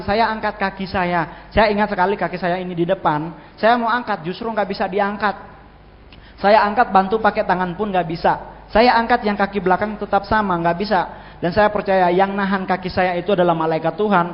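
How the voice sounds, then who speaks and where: A man, speaking in a high voice and telling his testimony with restarts and sudden emphasis. His voice rings through a large hall with a long reverb. The recording sounds dull and muffled. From Manado, Indonesia. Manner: vivid storytelling, frequent restarts, bursts of emphasis. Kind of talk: preached personal testimony.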